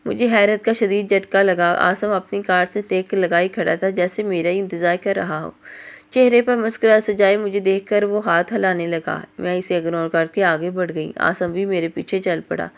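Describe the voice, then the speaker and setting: A woman narrating a novel aloud in first person, in a steady, measured reading style. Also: mid-range voice, creaky. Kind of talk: scripted story narration.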